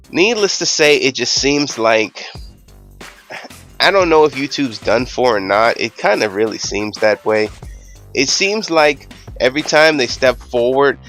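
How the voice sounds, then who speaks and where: A man's voice: mid-range voice, fairly bright tone. A young man hosting his own channel, ranting casually with rambling, swear-filled emphasis. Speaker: YouTube channel host.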